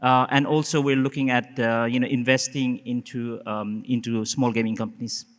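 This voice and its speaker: A man's voice: medium pitch, little pitch movement, moderate pace. A man from Nepal introducing himself on a conference panel, chatty and self-deprecating. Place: conference hall. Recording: reverberant conference hall.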